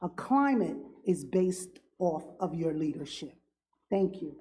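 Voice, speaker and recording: Councilwoman with a cold; slow, earnest, halting delivery in a dark, low voice. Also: expressive, low-quality recording. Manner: halting, many ums, earnest. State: has a cold, cough drop in mouth. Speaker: town councilwoman. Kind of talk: closing remarks at a council meeting.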